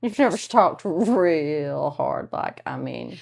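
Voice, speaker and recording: A married woman co-hosting a casual chat podcast, animated and quick to laugh, acting out what others say. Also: low-pitched, creaky. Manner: animated, laughs often, acts out quotes. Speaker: podcast co-host.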